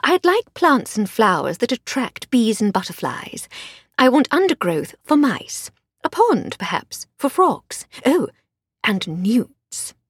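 Woman doing upper-class lady, gushing and whimsical, high, lively. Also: slow pace, slightly rough, no room sound, clean studio sound, full character voice. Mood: dreamy. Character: enthusiastic aristocratic lady, chatty and whimsical.

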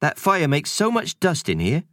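A man's voice: on the high side, wildly swooping pitch, sharp tone, no echo, clean studio sound, pitched above the performer's own voice, exaggerated voice. A man doing a fussing middle-aged charwoman. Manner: brisk, fussing, easily affronted. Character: rosy, bustling middle-aged cleaning woman, good-humoured.

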